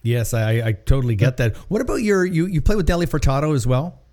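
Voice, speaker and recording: A man's voice: on the high side, sing-song, quick pace, darkish tone. A man hosting a casual interview, mostly answering with short encouraging interjections and questions.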